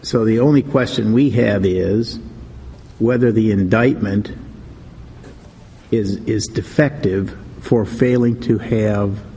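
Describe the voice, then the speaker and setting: A man questioning counsel formally as a judge, probing and deliberate. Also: on the low side, warm tone, husky. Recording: reverberant courtroom with faint noise.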